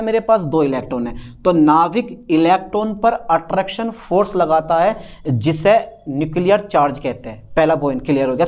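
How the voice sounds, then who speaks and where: A man's voice: high-pitched, a little mellow. A male chemistry teacher, lecturing a class with lots of repetition and questions to his students. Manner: repetitive, calls students beta, answers himself as student.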